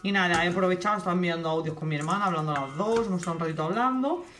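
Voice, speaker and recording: A young woman vlogging casually from her home kitchen, talking quickly and cutting herself off mid-sentence. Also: fairly low pitch, over music. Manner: fast, chatty, self-interrupting. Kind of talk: casual kitchen vlog chat. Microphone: camera on tripod.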